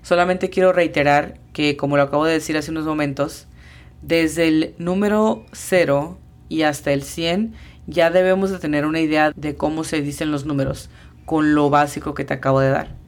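A woman's voice: low voice, fairly even intonation, brisk. A woman teaching an English lesson in a podcast, patiently spelling out pronunciations letter by letter.

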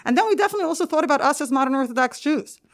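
A woman's voice: high voice, expressive, rapid-fire. A woman with an American accent giving explanatory interview answers, articulate and emphatic with rhetorical questions, slightly muffled by a mask. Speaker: interview guest, school administrator and researcher. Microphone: podcast microphone, through a face mask.

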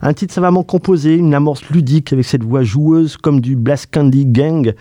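A man's voice: on the high side, normal speed, warm tone, dry recording. A man hosting a radio music show, reviewing an album with effusive praise, many fillers and repeated superlatives. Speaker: radio host. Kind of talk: enthusiastic music review chat.

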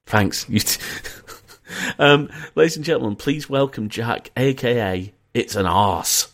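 A man's voice: medium pitch, lively intonation, unhurried, a bit bright. A man with a northern English accent from Yorkshire, hosting a casual podcast chat over an internet call, chatty and rambling with joking asides. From North of England. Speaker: podcast host.

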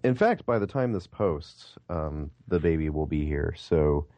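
Deep mellow man, dull dry recording. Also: expressive, unhurried, no echo. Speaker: podcast co-host; English professor. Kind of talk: casual podcast chat. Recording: dull lo-fi podcast audio, very dry.

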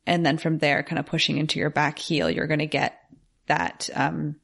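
A woman's voice: low-pitched, level tone, normal speed, creaky, a bit bright, slightly rough. A woman co-hosting a yoga podcast, describing postures in a chatty casual way, full of "like". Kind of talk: casual teaching chat.

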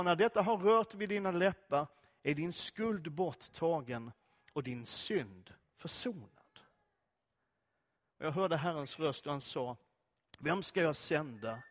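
High-voiced man preaching a sermon. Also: a bit bright. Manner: conversational, filler-heavy, asks listeners direct questions. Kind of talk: sermon with scripture reading.

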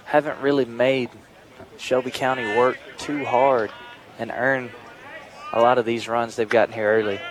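A man offers conversational baseball analysis in a mid-pitched, fairly flat voice. A crowd is clearly audible behind him as he explains the plays. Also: normal speed. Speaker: baseball color commentator. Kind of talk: live sports commentary, analysing plays. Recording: outdoor ballpark, crowd and music behind. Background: ballpark crowd and music.

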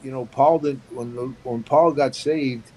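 A man's voice: medium pitch, a little slow, slight background noise, low-quality recording. A middle-aged man from Pennsylvania, a guest chatting easily in an interview, often tacking "man" onto his sentences. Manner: easygoing, relaxed, often ends phrases with "man". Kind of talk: casual interview chat.

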